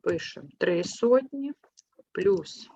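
A woman teaching a primary school class, patient and clear, asking questions and gently correcting her pupils. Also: animated, takes it slowly. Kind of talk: online class lesson. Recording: muffled low-fidelity sound.

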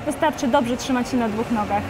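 A young woman with a fairly high voice talks through a dance event schedule in a TV studio interview. She is lively and upbeat, on a lapel mic. Faint background noise runs under her. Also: a little fast. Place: studio set in a shopping mall.

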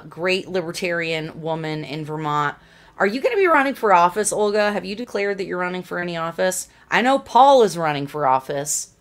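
A chatty woman in her thirties hosts a casual livestream, talking into a desk condenser mic in a small home studio. Her voice sits a little low for a woman, and she greets her viewers by name as she goes. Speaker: show host.

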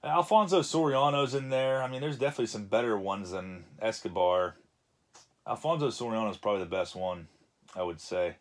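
A man's voice: on the low side, a little fast. A man, casually chatting with a live-stream chat while opening card packs at a home desk. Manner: chatty, reads chat messages aloud with laughs.

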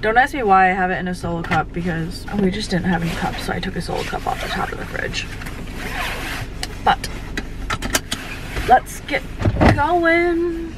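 A woman's voice: medium pitch, animated, moderate pace, pauses often. A college woman in her twenties chatting to a camera from her parked car, rambling along with plenty of fillers. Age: 20s. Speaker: college student vlogger. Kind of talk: casual chat to camera. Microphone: camera on dashboard. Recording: car with clear background noise.

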